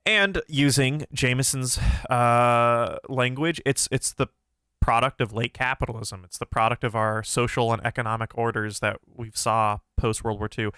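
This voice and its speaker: A young man hosts a philosophy livestream, answering chat questions casually and thoughtfully with many fillers and restarts. His mid-range, somewhat nasal voice is bright and forceful yet smooth, with fairly even intonation and a moderate pace. The studio sound is clean, with no echo.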